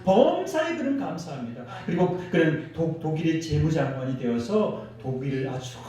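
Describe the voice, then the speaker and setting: A man preaching a sermon as pastor, animated and leading the congregation in responses. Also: fairly high pitch, normal speed, recorded from a distance. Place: church sanctuary. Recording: echoey church hall, mic from afar.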